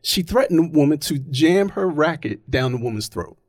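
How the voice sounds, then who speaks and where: A man's voice: fairly high pitch, animated, moderate pace, dry recording, studio quality. A man in casual, opinionated chat, arguing his point emphatically and often checking in with "right?".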